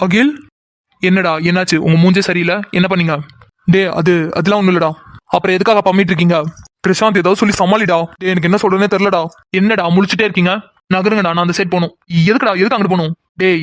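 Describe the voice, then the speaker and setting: Man, high voice, fast, bantering cartoon voices, dry close mic. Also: a bit bright, no echo. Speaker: voice artist doing several male cartoon characters. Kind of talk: Tamil cartoon voice acting.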